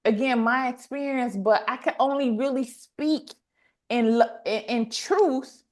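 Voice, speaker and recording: On her podcast, a woman with a slightly high voice speaks at a measured pace, casual, upbeat and motivational. She repeats phrases to stress them and performs short quotes in an animated way.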